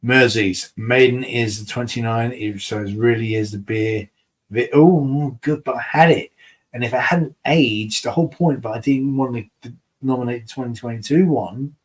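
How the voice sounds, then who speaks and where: A man's voice: mid-range voice, darkish tone. A man hosting a casual beer review live stream, chatting with viewers about their comments in a rambling, mumbling way. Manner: rambling and mumbling, self-mocking. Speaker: beer reviewer and channel host.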